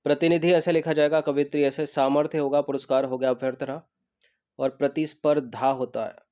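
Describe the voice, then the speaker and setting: A man teaching an exam prep lesson on Hindi spelling, going through test questions one by one and repeating each right word slowly for his students. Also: fairly high pitch, little pitch movement, darkish tone. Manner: checks in with students and asks them questions.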